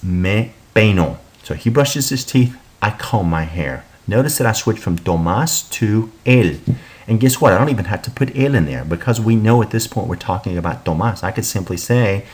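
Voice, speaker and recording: A man's voice: fairly low pitch, darkish tone. A man teaching a recorded Spanish lesson, patiently explaining and repeating examples before translating them.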